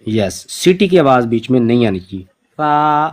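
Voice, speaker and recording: A man teaching Quran recitation over an online call, speaking slowly and patiently and repeating each letter sound to demonstrate it. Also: medium pitch, big pitch swings, a little mellow. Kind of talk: online pronunciation lesson.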